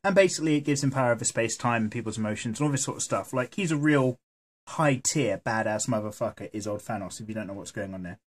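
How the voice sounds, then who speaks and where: A man chatting casually while he draws, rambling and swearing freely as he goes, with a voice that is going hoarse. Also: mid-range voice, animated, fast. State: losing his voice. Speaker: art vlogger. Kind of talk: casual chat while drawing.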